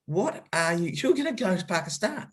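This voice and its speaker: This cricket coach from New Zealand, middle-aged and a guest on a podcast interview, speaks at normal speed in a high voice with big pitch swings. Recounting his story, he stumbles over fillers and restarts but stays candid and thoughtful.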